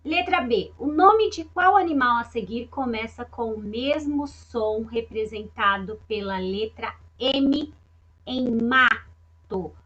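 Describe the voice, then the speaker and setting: A woman with a Brazilian Portuguese accent, teaching young children in a recorded lesson with slow, sing-song talk and frequent check-ins. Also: fairly high pitch, fairly bright tone, highs cut off. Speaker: primary school teacher.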